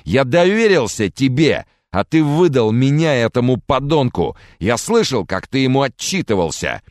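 A man voicing an enraged, drunk young man who shouts slowly and waves a pistol, in an audiobook. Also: mid-range voice, very animated, no room sound, studio quality, voice pushed up. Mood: furious shouting. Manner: shouting, slow and slurred.

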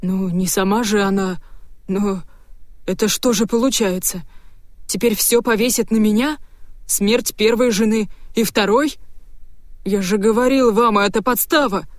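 A woman reading an audiobook, voicing a nervous middle-aged husband who keeps breaking into agitated, shrill outbursts. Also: fairly even intonation, measured pace, a little mellow, dry recording, clean studio sound, close to an everyday voice. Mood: hysterical.

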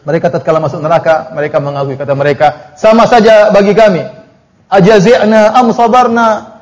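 Male preacher, higher register, animated exegesis with recited verses. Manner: animated, mocking asides, slow chanted Arabic recitations. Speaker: Islamic preacher. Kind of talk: Quran exegesis lecture.

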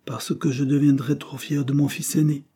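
A man's voice: on the high side, level tone, normal speed, dark tone, slightly rough, voice pushed up. A man reading the lines of a fond middle-aged mother in a French storybook, tender and teasing.

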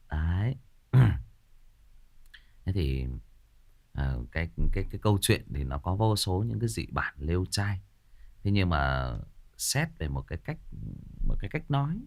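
A man's voice: low voice, darkish tone. A man, hosting a ghost story channel in a casual livestream chat. He talks in a playful, joking way and often repeats words while searching for the next one.

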